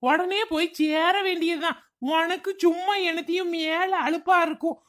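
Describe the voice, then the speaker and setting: A woman voicing a gruff, dismissive village husband in a cartoon, blunt and teasing. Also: very high voice, little pitch movement, normal speed, a bit bright. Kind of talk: cartoon voice acting.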